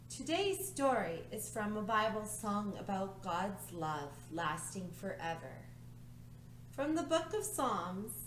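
Woman, middle-aged, children's church leader, slow soothing storytelling, echoey room, low hum. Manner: slow, clear, soothing reading. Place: church room with a round table, indoors.

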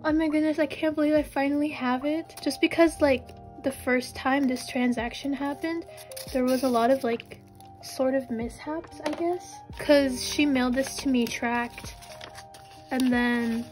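High-voiced young woman gasping with excitement. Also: unhurried, soft background music. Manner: gasps and squeals with excitement. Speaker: vlogger unboxing collectibles. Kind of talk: casual unboxing chat.

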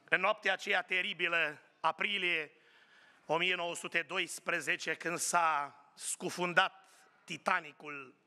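A man delivers a fervent sermon in a high, sharply bright voice. His appeals climb higher as he goes, and he slows down to press his points home. Long church reverb trails after every phrase. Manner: fervent preaching, rising in pitch on appeals, slows for emphasis. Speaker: pastor. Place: church sanctuary.

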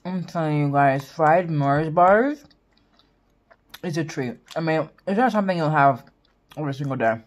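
Eating on camera, this woman vlogger talks casually and briskly to her audience in a low-pitched voice. She hums and makes eating noises between bites as she chats.

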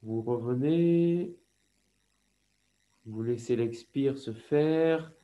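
A man with a French accent leading a yoga class over a video call, giving slow, calm instructions with breathing cues. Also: medium pitch, muffled recording. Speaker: yoga teacher.

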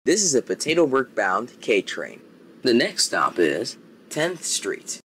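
A man's voice: mid-range voice, huge pitch swings, unhurried, a bit bright, a little hiss or hum. A man reading scripted subway station announcements in clipped, formal phrases, like an automated system.

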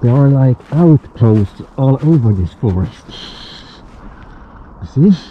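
A man's voice: medium pitch, expressive, takes it slowly, slight background noise. A man narrating a casual, sweary first-person adventure vlog outdoors, his voice muffled by a gas mask. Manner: sweary, informal, talking to camera. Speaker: vlogger playing a survival mission. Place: outdoors in a forest. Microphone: handheld action camera at arm's length. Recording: dull muffled sound through mask. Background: music.

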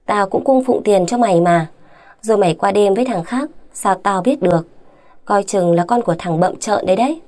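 A woman's voice: medium pitch, expressive, darkish tone, natural voice. A sneering abusive young husband, read by a woman. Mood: harsh contempt. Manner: harsh, sneering, fast insults. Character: brutal, contemptuous young man, abusive husband.

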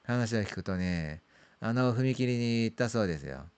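Middle-aged male, low smooth voice, creepy ghost-story narrator, drawn-out phrasing with trailing endings. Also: expressive, darkish tone. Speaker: amateur ghost story teller. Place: small dark room indoors.

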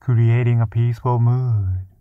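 A man leading a guided meditation in a soft, soothing, hushed voice, leaving long pauses between short phrases. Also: medium pitch, fairly even intonation, no room sound. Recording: muffled, narrow-band phone-like sound. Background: music.

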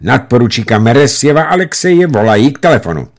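A man playing a stern older nurse, curt, croaky, prim, radio story reading. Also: medium pitch, very animated, voice pushed up.

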